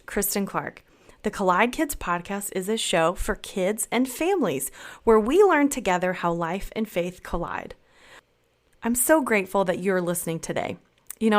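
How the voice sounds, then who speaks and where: Woman hosting a kids' podcast. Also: mid-range voice. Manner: cheerful, speaks slowly to children. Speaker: podcast host.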